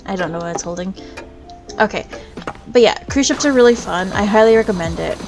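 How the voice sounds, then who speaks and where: A woman with a mid-range voice chats loosely while she plays a game, wandering from topic to topic. Her talk is relaxed and rambling, and game music plays clearly underneath her. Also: mid-range voice, fairly quick, poor audio. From United States. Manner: rambling and chatty, drifts between topics. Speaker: VTuber gaming streamer. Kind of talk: casual chat over gameplay. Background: video game music.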